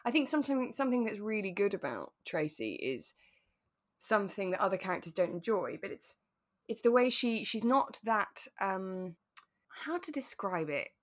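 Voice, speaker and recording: A British woman co-hosting a podcast chats casually and thoughtfully about a radio drama, explaining her points agreeably. Her mid-range voice has a sing-song lilt at a normal speed.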